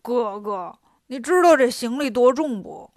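A whiny pig-monk who moans about everything he must carry, as a woman storyteller puts him on. The voice sits a touch high, in a dry, close sound. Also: animated, unhurried, a little mellow, no echo. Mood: complaining. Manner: complaining, whiny. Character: greedy grumbling pig-monk, male, lazy.

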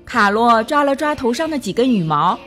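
A woman storyteller narrating a children's story in a gentle, expressive way. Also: on the high side, moderate pace, faint music behind.

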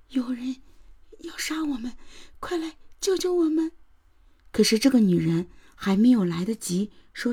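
A woman's voice: lowish voice, vocal fry, mellow, husky. A woman hosting a podcast, giving grave, dramatic scripted true-crime narration that sometimes drops to a whisper. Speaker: podcast host.

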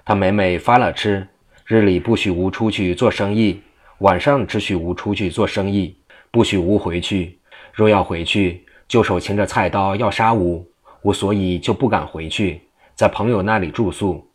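A man's voice: low voice, fairly even intonation, moderate pace, breathy edge. A man reading the lines of a timid, simple-minded husband who rambles through his account. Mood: rambling. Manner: plain, rambling.

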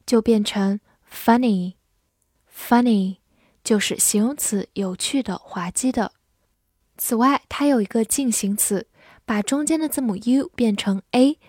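A woman teaching English vocabulary in a clear, patient way, reading example sentences slowly. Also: a little high, darkish tone, no echo, clean studio sound. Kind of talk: vocabulary lesson explaining words.

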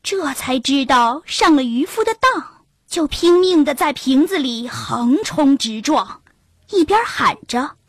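A woman narrating a children's storybook in an expressive storytelling manner. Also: high voice, takes it slowly, no room sound, studio quality. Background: faint background music.

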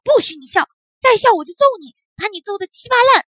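A woman voicing an angry little bully boy who yells threats in a storybook. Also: medium pitch, lively intonation, a little slow, breathy edge, dry recording, pitched below the performer's own voice. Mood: threatening. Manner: yelling, threatening.

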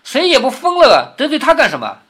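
A man reading aloud the lines of a sharp-tongued, outspoken young maid in a storybook reading. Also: high-pitched, sing-song, fast, full character voice. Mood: scornful. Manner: biting, mocking.

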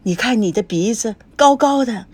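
Elderly grandmother in an audiobook, a woman reading her, tender and coaxing, breathy mid-range voice. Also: on the high side, expressive, normal speed.

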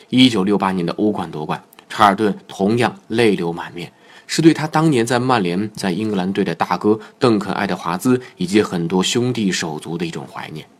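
Man, fairly low voice, solemn scripted narration, measured pace, football show host.

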